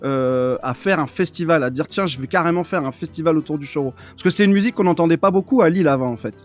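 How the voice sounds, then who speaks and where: A man's voice: fairly high pitch, fast talker, faint music behind. A man hosting a radio interview, casual, familiar and joking with his guest. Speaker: radio host.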